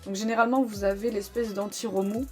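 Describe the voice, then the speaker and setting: Over music, a fast-talking woman with a medium-pitched, steady voice walks through a motorcycle gear tutorial step by step. She keeps it informal, calling out each step and explaining along the way.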